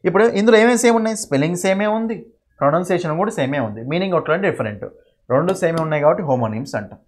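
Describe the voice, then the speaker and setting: A man's voice: fairly high pitch, lively intonation, rapid-fire. A young man teaches English grammar for an exam. He goes step by step and keeps asking "okay?" to check that his students follow. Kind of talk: exam-prep grammar lesson.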